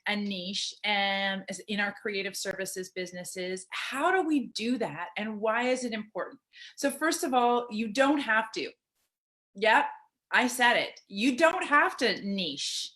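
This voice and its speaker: Upbeat woman coach, higher voice. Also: a bit bright. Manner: upbeat, direct, conversational with fillers. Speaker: business coach and podcast host. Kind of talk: solo coaching talk to camera.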